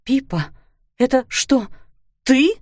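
A woman voicing a stepmother who coaxes and firmly calms a frightened girl. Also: fairly high pitch, moderate pace, dry recording, clean studio sound, close to an everyday voice. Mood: soothing. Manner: coaxing, then commanding. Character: firm, soothing young stepmother.

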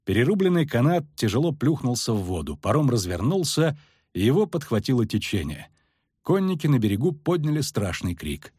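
A man narrating a fantasy audiobook expressively, dropping low and quiet for tension. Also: very animated, a little fast, husky, dry recording, studio quality. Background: faint background music.

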